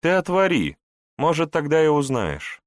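A man reading an audiobook, voicing a wise foreign adviser who speaks slowly and formally. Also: on the high side, wildly swooping pitch, dry recording, studio quality, voice pushed up. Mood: measured. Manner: slow, measured and formal. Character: wise old Saracen male adviser.

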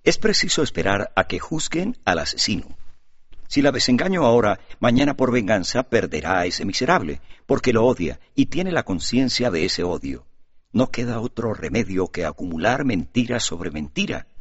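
A man voicing a proud, scornful young man with a husky voice, in an audiobook with a dull, lo-fi sound. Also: fairly low pitch, very animated, normal speed, no echo, heavily acted. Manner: curt and arrogant. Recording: dull lo-fi recording.

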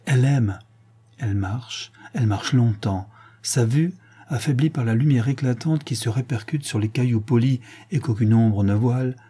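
A man narrating a classic novella as an audiobook, measured and expressive. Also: mid-range voice, husky.

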